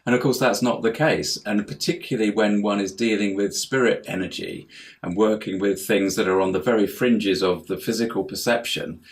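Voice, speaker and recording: Appearing as an interview guest over an online call, this house healer and life coach talks at a normal speed in a fairly low voice. His explanations are halting and digressive, full of repeated words.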